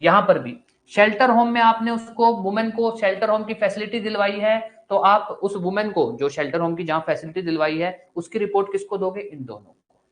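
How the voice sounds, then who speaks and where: A man's voice: high-pitched, normal speed. A male law teacher giving a live online class, asking questions and answering them himself in a casual, encouraging way. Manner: casual and encouraging, mixes Hindi with English terms.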